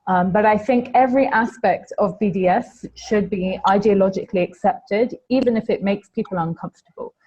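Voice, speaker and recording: A woman from Palestine giving a measured conference talk over a video call, with frequent ums and restarts. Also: mid-range voice, darkish tone, husky, dull audio. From Palestine, Galilee. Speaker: panel speaker, political analyst.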